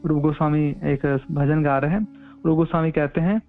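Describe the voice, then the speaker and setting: A man's voice: fairly high pitch, fairly even intonation, normal speed. A man preaching a devotional sermon, telling stories earnestly and repeating his phrases. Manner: repetitive, earnest storytelling. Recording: tinny phone-like audio with faint music.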